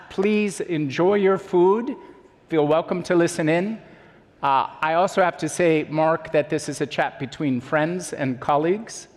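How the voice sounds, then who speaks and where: A man moderating an informal on-stage chat, friendly and halting as he introduces his guest. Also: a little high. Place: conference hall during a meal, microphone. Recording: reverberant hall.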